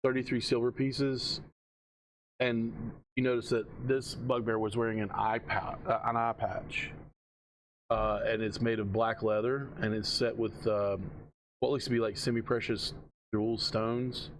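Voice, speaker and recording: A man narrating casually as game master, halting and thinking aloud as he goes. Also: medium pitch, flat delivery, a little hiss or hum, poor audio.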